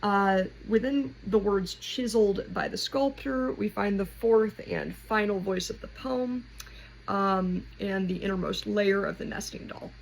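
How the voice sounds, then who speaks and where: She speaks unhurriedly at a medium pitch, hosting a casual poetry explainer and thinking aloud in a relaxed, conversational way. The recording was made at home and is clearly noisy.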